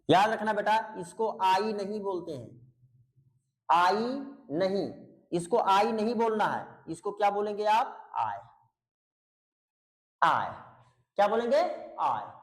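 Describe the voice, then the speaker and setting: An English teacher, a man with a high voice, delivers an online grammar lesson in Hindi, including pronunciation. He drills by repetition, has students answer back, and patiently addresses them as beta. The audio is poor.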